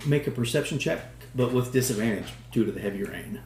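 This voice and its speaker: A man running a tabletop game as dungeon master, relaxed and drawling, laughing often. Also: mid-range voice, quick pace, echoey room, slight background noise.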